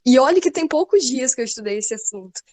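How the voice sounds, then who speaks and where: High-voiced student girl. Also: lively intonation, fast, darkish tone. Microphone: video call.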